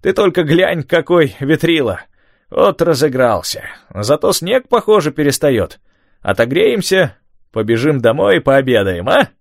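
A man voicing an excitable, talkative old man who rambles and exclaims in an audiobook. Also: a little high, unhurried, vocal fry, no echo, studio quality, voice pushed up, exaggerated voice. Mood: cheerful. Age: older. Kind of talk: audiobook character voice.

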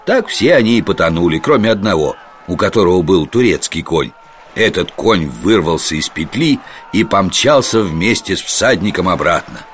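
A man narrating a children's storybook in an expressive, lively storytelling voice. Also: low voice, normal speed, a little hiss or hum.

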